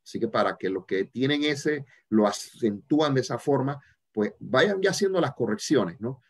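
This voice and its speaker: A man leads an online religious study and answers viewers' questions. He talks in a halting way, full of fillers and restarts. His voice sits at a middle pitch. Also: animated, breathy edge.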